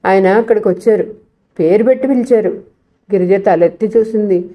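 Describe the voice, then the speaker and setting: A woman narrating a novel in a steady, even storytelling voice. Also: medium pitch, brisk. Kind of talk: novel reading.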